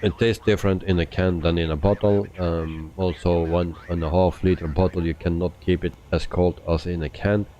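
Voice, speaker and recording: A man hosting a flight simulator live stream, chatting casually with viewers and often pausing with hesitations. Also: low-pitched, poor audio. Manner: relaxed, chatty, frequent hesitations. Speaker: flight sim livestreamer.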